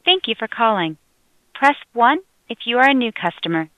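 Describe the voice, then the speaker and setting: A woman's voice: fairly high pitch, lively intonation, moderate pace. A woman's recorded phone message from an automated menu, reading polite, scripted prompts. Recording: muffled lo-fi phone line with loud noise.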